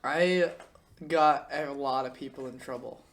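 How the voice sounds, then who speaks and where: A young man hosting a casual podcast, telling animated stories with laughter and quick impressions. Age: young adult. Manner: animated storyteller, breaks into laughter and high-pitched impressions. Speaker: podcast host. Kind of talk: casual chat.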